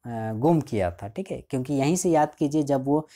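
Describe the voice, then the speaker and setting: Mellow-voiced man explaining a school lesson. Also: medium pitch. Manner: reads English lines slowly, then explains them casually; frequent checking fillers. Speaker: teacher. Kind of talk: line-by-line explanation of a school chapter.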